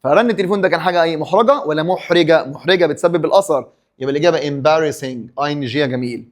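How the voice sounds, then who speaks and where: A man with an Egyptian Arabic accent teaches an English exam review, asking his own questions and answering them, and stopping for pep talks. His voice is on the high side, and he speaks very fast.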